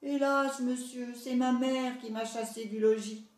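A meek, polite young girl with a higher voice, played by a woman reading a fairy tale, speaking gently. The mellow tone echoes in a room, set back from the mic. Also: steady tone, a little slow, distant mic, lightly acted. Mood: pleading. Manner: gentle, pleading.

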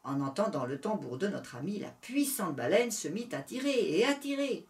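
Woman, storyteller, reading a fable aloud, lively pitch, set back from the mic. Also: moderate pace, distant mic. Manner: animated, expressive reading.

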